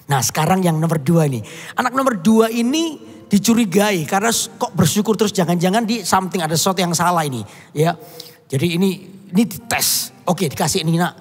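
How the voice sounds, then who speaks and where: A man's voice: a little high, a little fast. A man preaching a sermon, telling a story with acted voices and addressing the congregation. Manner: animated storytelling, voicing characters, addressing congregation. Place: church hall. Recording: long church reverb, faint music.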